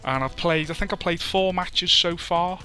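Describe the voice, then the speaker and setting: A Scouse-accented gaming commentator from Liverpool chats his way through a football video game in relaxed let's-play fashion, often at his own expense. His voice is high, pushed and bright, moving at a moderate pace with faint music behind.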